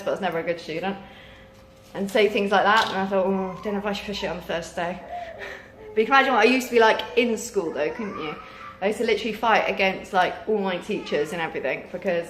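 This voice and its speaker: Medium in pitch and a bit bright, the voice belongs to a tired British mum in her thirties who vlogs. Her chat to camera is casual and rambling while a sore throat steals her voice, and the audio carries a roomy echo and clear background noise.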